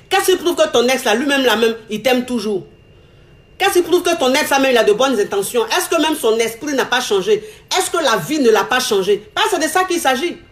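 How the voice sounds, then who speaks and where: A woman delivers a lecturing monologue aimed at other women. She scolds and repeats her points, pressing each one with rhetorical questions. Her voice sits a little high.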